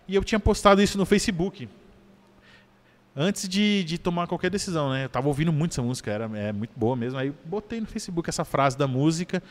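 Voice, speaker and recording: A man with a Brazilian accent, a podcast guest, telling a personal story in an animated way and tagging his sentences with little checks to the listener. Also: a little high, quick pace. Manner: animated storyteller, keeps adding "né?".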